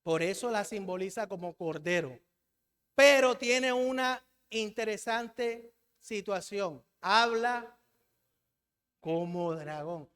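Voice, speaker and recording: A man's voice: sits high, takes it slowly, fairly bright tone, clear, resonant tone, big-room sound. A Colombian man preaching a sermon in a church, asking the congregation questions and having them call back the answers.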